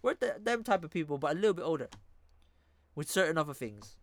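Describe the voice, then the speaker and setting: A man's voice: a little high, sing-song, quick pace, dry recording. A man, chatting casually in sweary slang and agreeing in repeated bursts.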